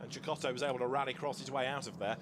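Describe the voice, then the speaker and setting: A man commentates live on motor racing in a mid-pitched voice. He narrates the action in flowing, vivid phrases as a motorsport commentator. Loud engine and outdoor track noise sits behind him. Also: steady tone, rapid-fire. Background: racing cars and trackside ambience.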